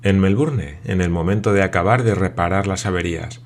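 A man voicing a loyal old sailor who answers calmly, puzzled by the questions. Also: sits low, a little fast, slight background noise. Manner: calm, plain, bewildered.

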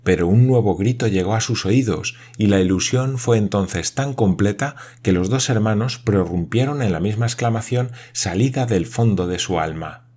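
Deep-voiced male audiobook narrator. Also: moderate pace, few pauses, dark tone.

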